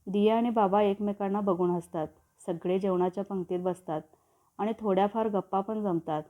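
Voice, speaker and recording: A woman storyteller reads a romance aloud in a steady, descriptive way, at an ordinary pitch for her. Her voice comes through thin and tinny, like a phone line. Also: moderate pace. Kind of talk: scripted story narration.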